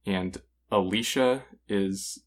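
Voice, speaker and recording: Speaking slowly and at a fairly low pitch, this podcast co-host gives his opinions during a casual comic review discussion, keeping it conversational.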